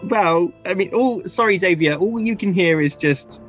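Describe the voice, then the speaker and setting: A man's voice: sits high, normal speed, a bit bright. A man acting as game master, narrating a tabletop fantasy game in an informal, descriptive way. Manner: conversational, descriptive. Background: music.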